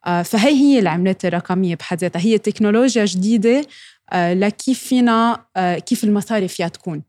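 Fast-speaking Levantine Arabic woman, expert guest. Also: medium pitch, a little mellow, no room sound, clean studio sound. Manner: mixes English terms into Arabic. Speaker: guest cryptocurrency trading expert and educator. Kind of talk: explanatory interview answers.

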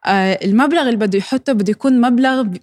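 A woman's voice: fairly high pitch, very fast, a little mellow, dry recording. A woman with a Levantine Arabic accent explaining as an expert interview guest, dropping English terms into her Arabic. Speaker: guest cryptocurrency trading expert and educator.

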